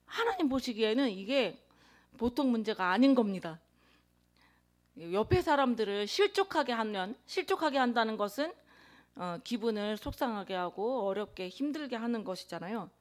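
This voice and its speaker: A woman preacher delivering a sermon in a somewhat high voice. She tells her story earnestly and leans into key words with sudden bursts of volume. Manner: earnest confessional storytelling with emphatic swells; introverted by her own account.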